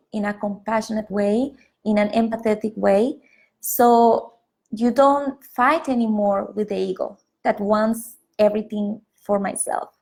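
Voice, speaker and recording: A woman from Costa Rica with a Costa Rican Spanish accent, a yoga and meditation teacher giving a calm, gently paced mindfulness talk on a live stream. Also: on the high side, creaky. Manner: slow, calm, gentle delivery with many pauses.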